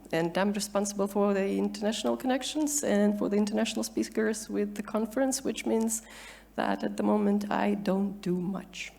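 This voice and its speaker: A woman's voice: mid-range voice, gravelly, a little mellow. A woman from Russia introducing herself as a panelist in a chatty, self-deprecating way. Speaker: panelist, conference representative.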